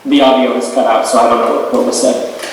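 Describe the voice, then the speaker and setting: A man from Missouri presenting as a local account manager over a remote video call played through a loudspeaker, with a halting manner that restarts and repeats words. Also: mid-range voice, little pitch movement, a little hiss or hum. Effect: remote video call played over a room loudspeaker. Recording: echoey hall from far off.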